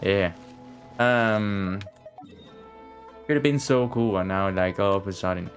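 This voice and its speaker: A game streamer offers casual live commentary with game music playing behind him. His fairly low voice moves slowly, and his reactions are informal, slangy and full of swearing.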